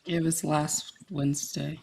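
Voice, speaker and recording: A woman's voice: low voice, flat delivery, unhurried, creaky, mellow, a little hiss or hum. A woman in casual chat, bantering playfully.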